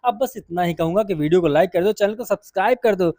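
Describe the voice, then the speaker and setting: High-voiced man reviewing a film trailer. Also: fast, mellow, dry recording, studio quality. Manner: chatty, addresses viewers as brother and friend. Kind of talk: casual spoken film review.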